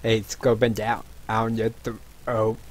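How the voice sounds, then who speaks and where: A man narrating a tabletop game as game master, halting with frequent restarts. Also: fairly low pitch, completely flat delivery. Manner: halting, many restarts and laughs.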